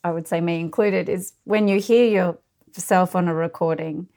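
A woman co-hosting a spiritual conversation, gentle and affirming as she responds. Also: on the low side, fairly even intonation, moderate pace. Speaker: podcast co-host.

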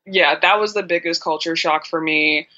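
A woman guest in a casual interview conversation, an animated storyteller who acts out quoted dialogue. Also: fairly low pitch, moderate pace. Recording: dull lo-fi sound.

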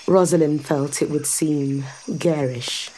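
A woman plays a poised, guarded corporate executive in scripted audio drama acting, speaking formally and with control in a cool, dry mood. Her voice is low, steady, slow and mellow, on a low-quality recording with a little hiss or hum.

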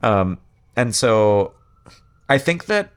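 A man's voice: mid-range voice, very animated, slow, smooth. A man talking casually in an interview about writing a song, rambling with many fillers and restarts. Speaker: songwriter guest.

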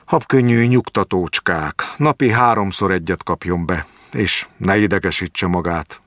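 A man playing a calm, soothing village doctor. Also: low voice, dry recording, studio quality. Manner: soothing, reassuring. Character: calm, placating middle-aged village doctor.

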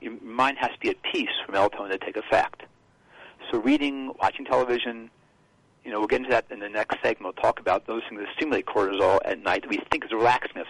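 Gravelly-voiced man explaining sleep. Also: fairly low pitch, fairly bright tone, no room sound, poor audio. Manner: explanatory, halting with restarts. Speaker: health expert guest. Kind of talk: radio health talk.

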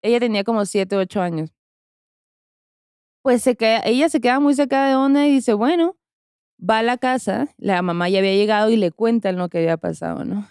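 A woman's voice: on the high side, a little fast, darkish tone, clear, resonant tone, no room sound, studio quality. A woman with a Mexican accent, a podcast host casually retelling a story with many fillers and slangy asides.

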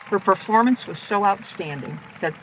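A woman's voice: mid-range voice, expressive, normal speed, a bit bright, some chatter behind, a little hiss or hum, low-quality recording. A woman tour guide telling stories as an interview guest. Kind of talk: storytelling in an interview. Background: faint music.

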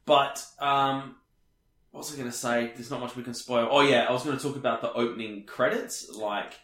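A man, chatting casually as a podcast co-host, animated and full of fillers. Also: mid-range voice, normal speed. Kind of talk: casual chat. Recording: roomy echo.

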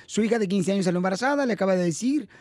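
A man's voice: high-pitched, lively intonation, racing, a little mellow, no echo, clean studio sound. A man hosting a call-in radio show, talking to callers in an affectionate, endearing way. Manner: affectionate, calls callers "mi amor" and "hermosa".

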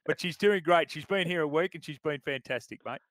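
A man's voice: on the high side, a little fast, a bit bright, no echo. A man with an Australian accent presenting sports radio in an easygoing, matey, conversational way.

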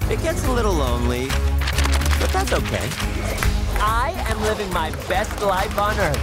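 Sonic, excitable high-voiced cartoon hedgehog. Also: male voice, a little slow. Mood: cocky, playful. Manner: cocky, boyish, hyperactive. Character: Sonic, excitable wisecracking young blue alien hedgehog. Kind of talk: film trailer voice acting. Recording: loud film trailer music behind. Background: trailer music.

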